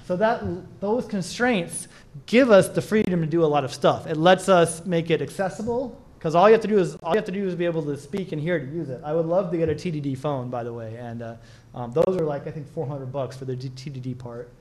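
A man's voice: a little high, a little fast, darkish tone. A man giving a casual conference talk and answering questions, rambling with many restarts and fillers, recorded in a small room. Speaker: conference speaker.

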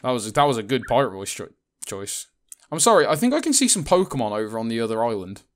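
A man's voice: mid-range voice, very animated, quick pace. A British man co-hosting a casual let's-play, rambling and joking, laughing often and swearing casually. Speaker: gaming channel co-host.

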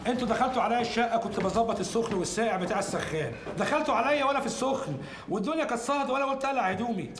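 A man's voice: extremely high pitch, very fast, slight background noise. An actor playing a cocky, flirtatious male petty crook with an Egyptian accent, talking in a brash, wheedling way. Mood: pleading. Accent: Egyptian Arabic. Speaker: actor in a TV comedy series. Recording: echoey set with music behind.

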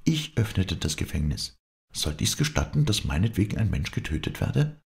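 A man voicing a grieving, fervent young noblewoman, his voice pushed far higher into impassioned, pleading cries. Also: unhurried, vocal fry, warm tone, exaggerated voice. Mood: anguished.

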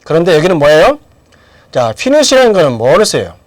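Middle-aged male language teacher, animated delivery, dry recording, drills the class with questions. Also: fairly high pitch, normal speed, no room sound. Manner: asks questions and answers them himself. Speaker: English teacher. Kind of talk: lecture with drills.

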